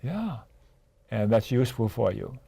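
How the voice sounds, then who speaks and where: A man's voice: mid-range voice, very animated, a little slow, gravelly, dark tone, slightly rough, no echo. An older man hosting an interview, asking questions in a chatty way with joking asides. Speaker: interview host.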